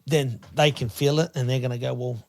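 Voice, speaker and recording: A man's voice: medium pitch, a little fast, dry recording. A man speaking as a podcast guest in earnest, casual chat, often adding "you know". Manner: earnest, repeats "you know", animated when quoting dialogue.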